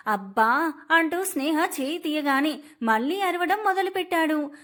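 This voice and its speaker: A woman narrating a romantic family story in an emotive, expressive storytelling manner. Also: very high voice.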